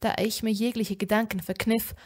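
A woman narrating a fan fiction story in the first person, dropping to a hushed whisper at tense moments. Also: medium pitch, level tone, normal speed, slightly rough. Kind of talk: dramatic audiobook reading of fan fiction.

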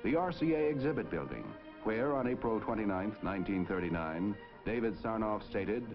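Male announcer, 1950s broadcast narration, stately and declamatory, low voice, muffled old film soundtrack. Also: animated, moderate pace, music in the background.

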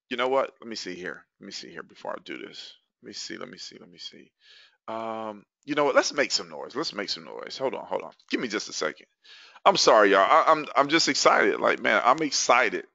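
A man's voice: medium pitch, sharp tone, no room sound, highs cut off. A man hosting a live webinar, chatty and hyped, full of fillers and repeated phrases. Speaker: webinar host.

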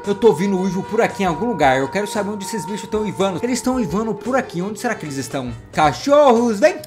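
A man hosting a game vlog, excitable and animated, talking to his viewers and cooing at in-game animals. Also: high-pitched, rapid-fire, over music. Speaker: gaming channel host.

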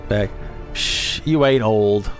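Speaking slowly in a lowish voice over music, a man in his thirties from Arkansas streams a game from his home gaming room. He has a light Southern accent and chats loosely with his Twitch audience, his banter casual and frequently profane.

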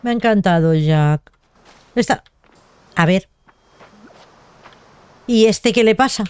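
A woman's voice: medium pitch, expressive, slow pace, a little mellow, smooth. A young woman giving casual, chatty gameplay commentary and talking to herself as she plays. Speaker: gaming video host.

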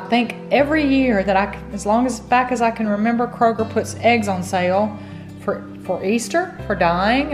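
Chatty middle-aged woman vlogging. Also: a little high. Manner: chatty, thrifty, talks through prices and plans. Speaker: cooking channel host. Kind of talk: casual vlog chat. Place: parked car.

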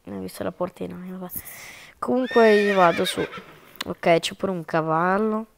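A woman's voice: mid-range voice, normal speed, vocal fry, noisy background. A woman hosting a gaming channel, chatting along as she plays out a role-play and narrates her own moves. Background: background music.

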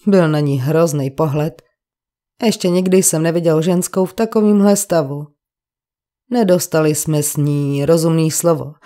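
Gruff working-class bricklayer witness, coarse and grumbling, low dark voice, read by a woman for a crime audiobook. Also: lightly acted. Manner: coarse colloquial speech, grumbling.

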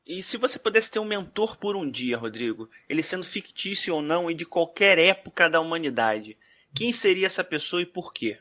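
A man's voice: a little high, sing-song, moderate pace, sharp tone. A man hosting a podcast, asking casual interview questions in a friendly way. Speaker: podcast host.

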